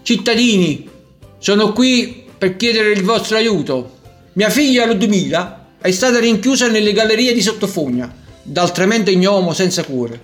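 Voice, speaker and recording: A man's voice: high-pitched, animated, moderate pace, soft background music, pitched above the performer's own voice. A man voicing an older wizard mayor in a storybook, solemn and pleading.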